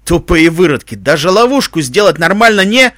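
A man voicing a gruff, angry male alicorn hunter commander who barks scornful orders. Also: a little high, sing-song, fast talker, a bit bright, no room sound, clean studio sound. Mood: furious. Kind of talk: audiobook fan fiction reading.

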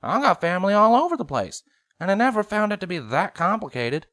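Brief: woman voicing a plainspoken farm mare pony, folksy and steady. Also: medium pitch, a little fast, voice pushed up. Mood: reassuring.

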